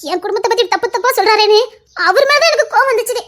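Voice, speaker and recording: A woman's voice: extremely high pitch, racing, a bit bright. A woman voicing a grieving middle-aged aunt who laments and sobs as she longs for her husband. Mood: bitter regret. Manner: lamenting, sobbing. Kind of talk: one-voice family drama acting.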